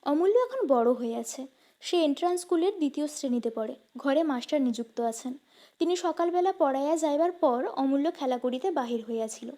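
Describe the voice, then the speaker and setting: High-voiced woman reading a story. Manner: steady, measured storytelling. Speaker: narrator. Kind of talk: reading a classic story aloud.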